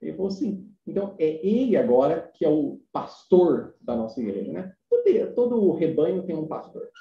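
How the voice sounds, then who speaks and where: A man gives a conversational Bible lesson, often adding tag questions and slowing down to read scripture aloud. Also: fairly high pitch, very animated, vocal fry, reverberant, lo-fi sound. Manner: conversational, frequent "né?" tags, reads scripture slowly. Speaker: teacher.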